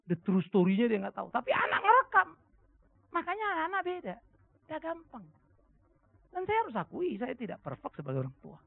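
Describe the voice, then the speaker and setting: A man's voice: fairly quick, gravelly, no room sound. A middle-aged male pastor preaching a sermon, telling anecdotes animatedly and acting out the voices of the people in them. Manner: animated storytelling, acting out voices with big pitch jumps. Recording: dry, phone-like narrow sound.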